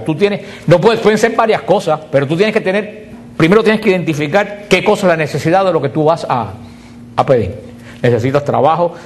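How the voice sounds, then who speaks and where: Animated man teaching Bible class. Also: a little high. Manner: animated, asks rhetorical questions and answers them. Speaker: catechist.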